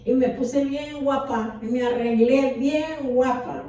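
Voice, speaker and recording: High-voiced woman pastor, echoey and distant. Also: fairly even intonation, slow, dark tone. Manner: impassioned, repeats words for emphasis. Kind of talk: testimony sermon. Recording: echoey hall from far off.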